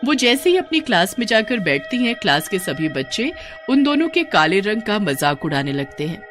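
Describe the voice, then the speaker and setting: A woman giving scripted storytelling narration for a cartoon, in an even delivery. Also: medium pitch, moderate pace, soft background music.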